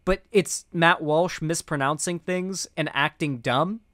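A young American man in his twenties, a political commentator live-streaming from a small home room, reacts casually to content in a higher-pitched, slightly bright voice. He's indignant, sarcastic, halting and profane, and his close boom mic gives studio-quality sound with no room echo.

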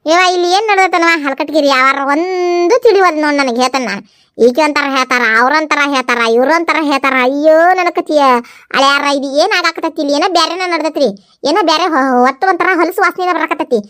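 A woman voicing a fierce, rough-spoken village mother in a comedy skit, with a North Karnataka Kannada accent. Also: high voice, fast talker, fairly bright tone, no room sound, clean studio sound. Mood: accusing. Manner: gruff, accusing, rough-spoken.

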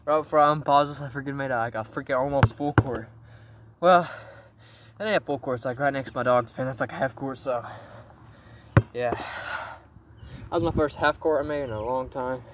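A young man with a mid-range voice chats to his phone while shooting baskets outdoors. Wind noise rushes clearly across the recording. He sounds casual and loose, reacting aloud to makes and misses. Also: mid-range voice. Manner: chatty, exclaims at missed shots. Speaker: vlogger. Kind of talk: casual self-filmed commentary. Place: outdoor backyard court on a windy day. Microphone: phone camera set at a distance.

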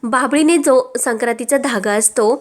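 A woman's voice: fairly high pitch, normal speed. A woman casually retelling a TV serial episode, chatty and stringing events together with frequent linking fillers. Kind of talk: casual spoken story recap.

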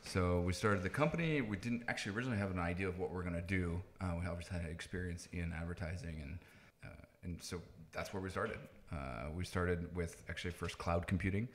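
A Dutch man in his thirties, born in the Netherlands and raised in the US from age nine, speaks as a tech founder guesting on a podcast. His deep voice moves briskly with few pauses as he explains things in a conversational interview, and there's a faint hiss or hum in the recording.

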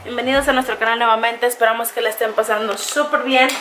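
High-voiced Mexican mom vlogging at home. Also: female voice, fairly even intonation, fast, over music. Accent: Mexican Spanish. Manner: warm, chatty, coos at the puppies. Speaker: family vlogger, mother. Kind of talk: casual vlog chat. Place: home kitchen, indoors. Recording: noisy home recording.

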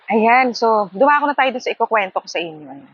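A woman vlogging outdoors in casual chat, chatty and laughing with sudden high squeals. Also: expressive, quick pace, breathy edge, lo-fi sound. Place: outdoors by a hammock. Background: wind.

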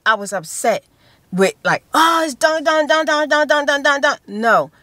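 Animated fifty-year-old woman, dry car sound. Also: a little high, no room sound. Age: 50s. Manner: animated storytelling with hand gestures and repeated phrases. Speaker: vlogger. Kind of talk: casual chat to camera. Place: parked car interior. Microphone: phone camera held close.

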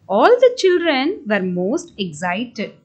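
A woman teacher tells a children's story. Her voice is high and lively, and she narrates slowly and clearly.

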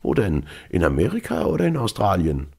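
An older sailor holds forth with great certainty, as a man puts him on, his very deep voice gravelly. He lingers over every rumor like a gossip with a story in this storybook reading. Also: wildly swooping pitch, brisk, darkish tone, full character voice. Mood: gossipy. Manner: assertive, storytelling.

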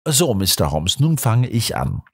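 A man voicing an excitable, blustering male police inspector who grumbles and flares up quickly. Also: on the low side, heavily acted. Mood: eager. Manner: gruff, quick to anger.

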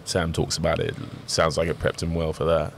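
Very deep-voiced laid-back bloke. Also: male voice, monotone, fairly quick, gravelly, a little hiss or hum. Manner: laid-back banter, slangy. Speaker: podcast co-host, rugby player. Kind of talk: casual chat.

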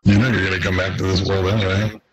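A man's voice: deep voice, little pitch movement, quick pace, heavy background noise. A man streaming a game with a friend, talking in a laid-back, matter-of-fact way with some slang. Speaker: streamer co-hosting a gaming series. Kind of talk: casual gameplay chat.

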